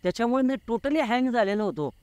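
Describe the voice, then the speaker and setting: A man's voice: extremely high pitch, expressive, fast, a little mellow, clean tone, dry recording. A man in his forties, a guest telling a true story in an interview, vivid and repeating words for effect.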